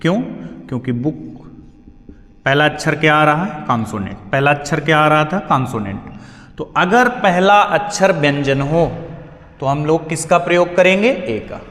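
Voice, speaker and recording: A man's voice: a little high, normal speed, fairly bright tone. Man teaching in an echoey hall. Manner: asks questions and answers them himself. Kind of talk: classroom grammar lesson.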